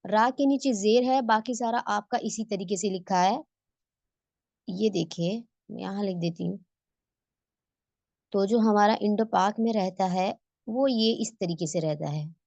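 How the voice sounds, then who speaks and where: A woman's voice: mid-range voice, unhurried, a little mellow, no echo. A woman teaching tajweed online in a patient, explanatory way, posing questions and answering them herself. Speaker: Quran recitation teacher.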